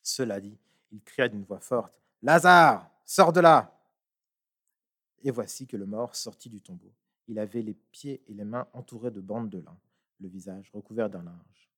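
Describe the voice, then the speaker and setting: A man reading a passage aloud and then preaching on it in a measured, emphatic way. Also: on the low side, husky. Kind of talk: sermon with scripture reading.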